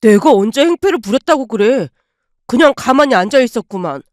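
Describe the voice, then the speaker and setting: A woman voicing a sick, shameless middle-aged father who pleads in a low, slow, whining voice. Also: expressive, dry recording, clean studio sound, close to an everyday voice.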